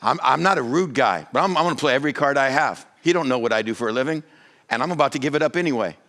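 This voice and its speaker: A male pastor telling a comic story in a sermon, animated and rising in pitch as he gets excited. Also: rapid-fire. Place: church or conference hall.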